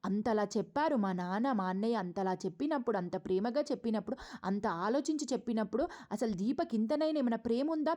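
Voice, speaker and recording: A stern, bitter mother-in-law from a TV serial retelling, as a woman narrator puts her on, firing off nagging rhetorical questions in a raised voice. The tone stays mellow and dark rather than shrill. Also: fast, natural voice. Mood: indignant.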